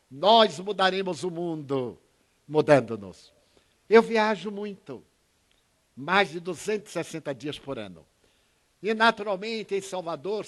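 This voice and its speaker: A man in his eighties with a Bahian Brazilian accent speaks in a fairly high voice. He gives an inspirational talk, telling anecdotes and acting out the other speakers with changing pitch and loudness. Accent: Bahian Brazilian Portuguese. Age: 80s. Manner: storytelling, acts out dialogue with shifts in pitch and volume. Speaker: spiritist speaker.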